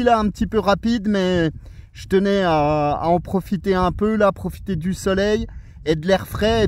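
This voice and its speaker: On a lunch break outdoors in the mountains, a man chats as an amateur radio operator in a casual, colloquial, easygoing way. His voice is high with a darkish tone, and the recording is dry.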